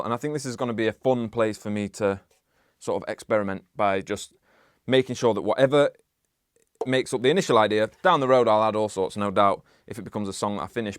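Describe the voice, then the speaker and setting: A man's voice: on the low side, clean tone, dry recording. A young man who makes music, talking casually about his process in his home studio, rambling with lots of "like". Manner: relaxed, rambling, many "like" fillers. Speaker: music producer. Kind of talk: casual studio vlog talk.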